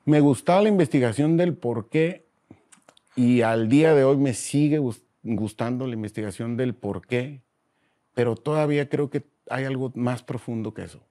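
A man with a Mexican Spanish accent talks through a relaxed interview in a warm, mellow, darker tone. He speaks in slangy, animated bursts and jumps into little voices while he tells his stories. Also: mid-range voice, normal speed. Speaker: guest. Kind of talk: casual interview chat.

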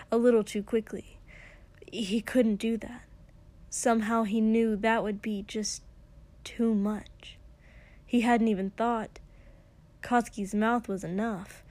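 A woman narrating an intimate story in a slow, hushed, breathy way, sometimes dropping into a whisper. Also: medium pitch. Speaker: audiobook reader. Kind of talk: intimate fan fiction reading.

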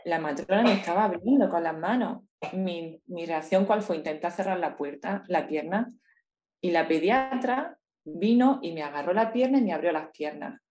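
A woman with a Spain Spanish accent tells a personal story to an interviewer. Her voice sits a little low, and her telling is intense and emotional, close to the surface throughout. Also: normal speed, a little mellow. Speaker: interview guest.

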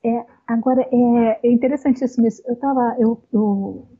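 A woman talking at length in a casual conversation, explaining points slowly with many fillers and pauses. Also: a little high, steady tone, dark tone, breathy edge, lo-fi sound. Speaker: guest speaker on communication.

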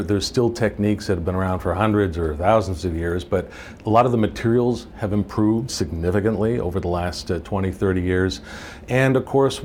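Low-voiced man explaining, over hallway noise. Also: darkish tone. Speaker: makeup department head, interview guest. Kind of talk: casual interview explanation. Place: indoor school hallway.

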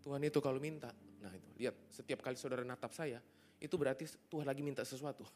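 A man's voice: mid-range voice, quick pace, a little mellow. A male pastor preaching a sermon, throwing rhetorical questions at the congregation and slipping in casual, joking asides. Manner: jokey, casual slangy asides.

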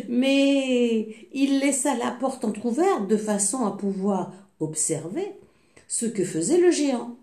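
A woman reads a fairy tale aloud at an unhurried pace. Her voice rises and falls widely, with the odd small slip. The room gives it a clear echo. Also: on the high side. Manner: slow, expressive reading with small slips. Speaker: storyteller. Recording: echoey room.

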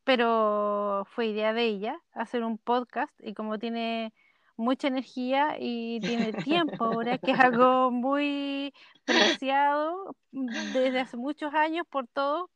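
A woman's voice: on the high side, steady tone, slow pace, a bit bright, clean tone, dry recording, dull audio. A woman with a Chilean accent co-hosting a podcast from home over a call, telling rambling stories in casual chat. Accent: Chilean Spanish. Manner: rambling, chatty storyteller. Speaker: podcast co-host. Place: home, connected remotely. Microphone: computer mic on a call.

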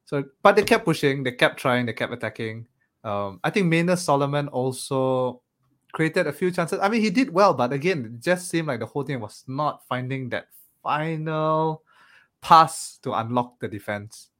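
Male podcast co-host, relaxed and analytical, lots of hesitations. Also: mid-range voice, moderate pace. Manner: thoughtful, hesitant, many "um"s and "right?". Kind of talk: casual chat.

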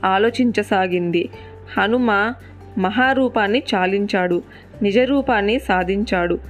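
A woman storyteller giving measured, expressive scripted narration of a mythological tale. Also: mid-range voice, soft background music.

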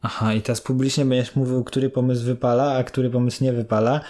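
A man's voice: medium pitch, little pitch movement, fast talker, a little mellow. A man co-hosting a casual podcast, arguing heatedly with his partner and swearing. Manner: heated, swears, then laughs. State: irritated. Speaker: podcast co-host.

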